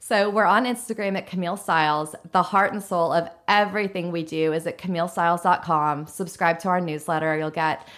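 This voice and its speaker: A woman with a somewhat low voice speaks as a guest on a podcast. Her talk is casual yet articulate, with a reflective way of laying out her thoughts. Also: fairly even intonation, fairly quick, few pauses, a bit bright. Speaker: podcast guest, content creator. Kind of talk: casual interview conversation.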